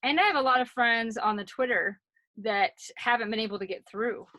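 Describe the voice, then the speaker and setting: A woman's voice: on the high side, brisk, pushed and bright, no echo. A woman co-hosting a casual podcast, chatty and leading the talk with questions. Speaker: co-host.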